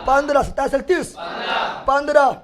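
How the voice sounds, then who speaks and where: A man teaching a class, shouting out facts for the students to chant back. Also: very high-pitched, level tone, normal speed, a loud crowd. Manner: loud call-and-response drilling, shouting. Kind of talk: classroom lesson drill.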